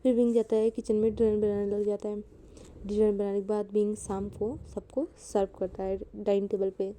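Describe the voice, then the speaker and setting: A woman's voice: mid-range voice, flat delivery, normal speed, warm tone, a little hiss or hum. A woman casually narrating a fan story and chatting with her viewers.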